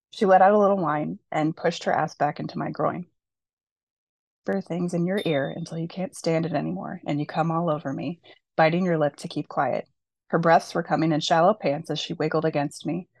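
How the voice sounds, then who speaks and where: A woman author reading a passage from her own novel aloud, at a steady, unhurried pace with light emphasis on the dialogue. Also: low voice, vocal fry, dry recording.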